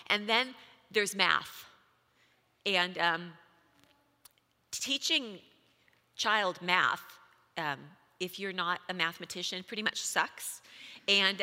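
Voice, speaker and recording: A middle-aged woman giving an animated storytelling talk, acting out dialogue and sometimes rising to a shout. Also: medium pitch, big-room sound. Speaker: speaker.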